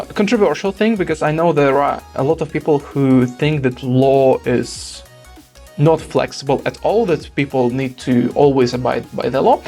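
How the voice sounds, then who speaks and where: A man's voice: on the high side, a little mellow. Rambling man chatting over game play. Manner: rambling, hesitant storytelling with many fillers. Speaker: gaming YouTuber. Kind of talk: casual commentary over gameplay.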